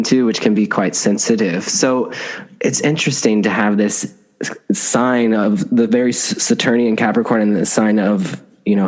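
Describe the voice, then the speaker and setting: Husky-voiced man with a very low pitch. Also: darkish tone. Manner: asks long, thoughtful questions. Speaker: podcast host. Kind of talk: casual podcast interview.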